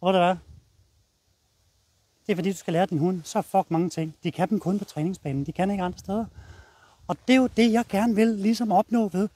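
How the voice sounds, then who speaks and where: Blunt high-voiced Danish dog trainer. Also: male voice, steady tone, pauses often, dark tone, slightly rough, no room sound. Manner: blunt, casual, addresses viewers while walking the dog. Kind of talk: outdoor training demonstration. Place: outdoors, walking a dog.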